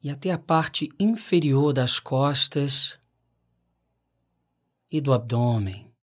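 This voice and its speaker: A meditation instructor guides listeners through a scripted session in a mid-pitched voice that carries a soft, husky breathiness. Each instruction comes calmly, followed by long, unhurried pauses between phrases.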